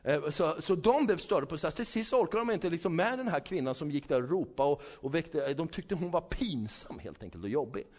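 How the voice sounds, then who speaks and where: A man preaching a sermon in a lively, conversational way, asking his listeners frequent questions and acting out the dialogue he retells. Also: few pauses. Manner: acts out quoted dialogue, dropping low and soft for asides.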